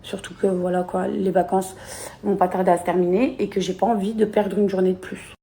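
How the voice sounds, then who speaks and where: Upset woman venting, with a creaky voice. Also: mid-range voice, flat delivery, a little fast, dark tone. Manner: agitated, repetitive, slangy and blunt. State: upset and irritated. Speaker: vlogger talking to followers. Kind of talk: casual to-camera vent.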